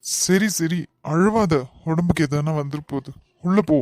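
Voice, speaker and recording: A man's voice: a little high, moderate pace, a little mellow, dry recording, natural voice. A man voicing a married young cartoon man with a Kanyakumari Tamil accent, firmly turning away his ex. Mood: coaxing. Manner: firm, exasperated, then coaxing. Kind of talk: cartoon voice acting.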